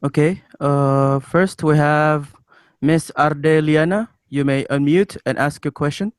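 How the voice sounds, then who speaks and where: Man moderating a webinar, fairly high voice, dry sound, formal. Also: steady tone, clear, resonant tone, no room sound. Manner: measured, formal with fillers. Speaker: event moderator. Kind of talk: announcing event segments.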